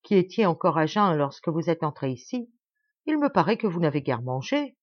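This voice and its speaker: A woman's voice: low voice, animated, fairly quick, no echo, lo-fi sound. A woman voicing a pompous, lavish male lord who grandly and insistently presses food on his guest, in an audiobook tale. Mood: grand, coaxing.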